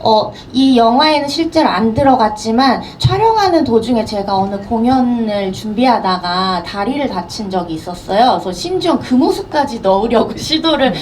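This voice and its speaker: A woman's voice: fairly high pitch, expressive, moderate pace, hardly any pauses, darkish tone, a little hiss or hum, poor audio. A woman actress telling stories at a film Q&A, chatty and laughing often. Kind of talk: anecdotes at a Q&A.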